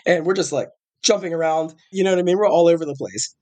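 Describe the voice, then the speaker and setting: Speaking quickly in a slightly high, slightly mellow voice, a man in his forties hosts his podcast. He's a little sick and coughs now and then while he rambles chattily, restarting and correcting himself.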